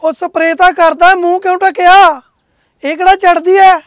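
A man's voice: extremely high pitch, level tone, moderate pace, no room sound. A man playing a young village man who calls out to a friend and pleads on the phone. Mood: casual. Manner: calling out, casual. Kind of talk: village comedy drama acting.

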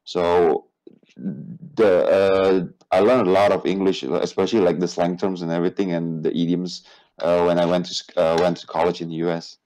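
An Indonesian man in his thirties, a guest speaking English with many fillers, relaxed and hesitant, on a video call from an office. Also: deep voice, normal speed, poor audio. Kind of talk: casual interview chat. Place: office with whiteboard. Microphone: earphone headset on video call.

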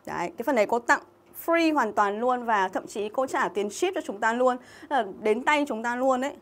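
A woman from Vietnam gives a live English review lesson, her voice sitting a little high. She is chatty and keeps calling out viewers' names from the comments between explanations. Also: expressive, moderate pace. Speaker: English teacher. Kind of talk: livestream exam-review lesson.

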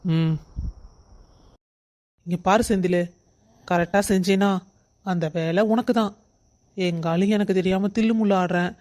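Cast: man as a sarcastic, threatening cartoon boss, pitched high. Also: steady tone, measured pace, long pauses, a little mellow. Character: gruff scolding male office boss. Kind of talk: animated story voice acting.

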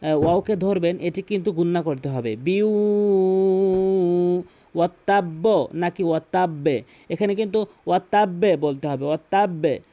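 A male Quran recitation teacher with a Bangladeshi accent. His voice sits high for a man, with a dark, mellow tone, and he walks through the rules patiently, repeating and recapping as he goes. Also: moderate pace. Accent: Bangladeshi Bengali. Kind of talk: tutorial explanation with recited examples.

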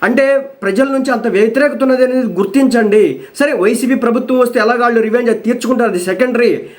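Male political commentator, rapid emphatic scolding delivery. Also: sits high. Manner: scolding, emphatic, repeats pleas.

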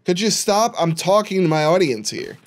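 A man's voice: high-pitched, very animated, moderate pace. A man giving casual, jokey commentary while playing a horror game, with dry sarcastic asides. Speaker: video game streamer.

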